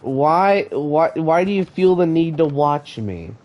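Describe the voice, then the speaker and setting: Slow, mellow sick streamer guy. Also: on the high side, expressive. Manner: stammering, repeats words while talking to chat. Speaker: live-streamer playing a block-building game. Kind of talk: casual live-stream commentary.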